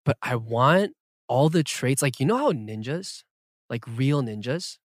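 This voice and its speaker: A young man hosting a podcast in a playful, lively way, reading listener questions and chatting casually. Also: mid-range voice, unhurried, dry recording, clean studio sound. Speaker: podcast host.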